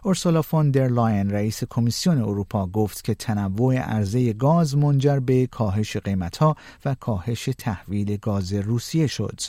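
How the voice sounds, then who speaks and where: A man reading the news as an anchor, in a measured, even newsreader delivery. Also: on the low side, no room sound, clean studio sound.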